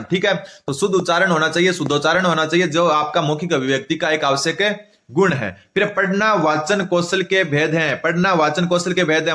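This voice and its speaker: Male exam-prep teacher, bright forceful tone, asks then answers his own questions. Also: fairly high pitch, reverberant.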